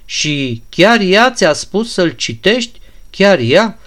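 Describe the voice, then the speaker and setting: A loud, high-strung young man bursting with impatient rage, as a male reader puts him on, shouting his questions and insults. His voice rides high and hard in an audiobook reading. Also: very animated. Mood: enraged.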